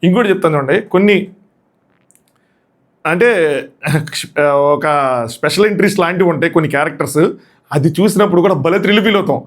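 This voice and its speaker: A man with a voice hoarse from shouting gives a casual, excited, rambling movie review and repeats his points. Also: high-pitched, quick pace, long pauses.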